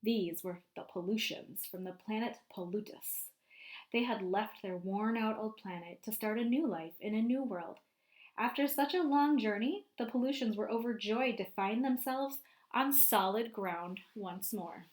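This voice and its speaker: Reading aloud to young children from a picture book, a woman teacher is expressive and frequently asks them questions. Her voice is mid-range and her delivery a little slow.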